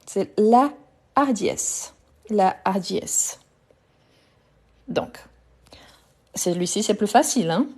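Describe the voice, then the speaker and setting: Slow, mellow-voiced woman teaching French. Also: medium pitch, animated, husky. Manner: repeats each word slowly to drill pronunciation; patient, addresses viewers directly. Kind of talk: live online language lesson.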